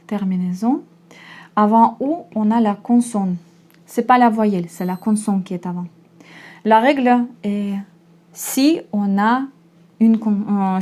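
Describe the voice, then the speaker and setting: Lady giving a language lesson, takes her time, soft dark tone. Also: mid-range voice. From Russia. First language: Russian. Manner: slow, patient explaining with repetitions. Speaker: Russian language teacher.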